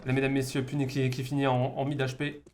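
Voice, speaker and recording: Over a game stream loud with gunfire and clicks, a man from France casually commentates a video game match as an esports caster. His medium-pitched voice is monotone, a little mellow, and fast, and he repeats words as he searches for what to say next.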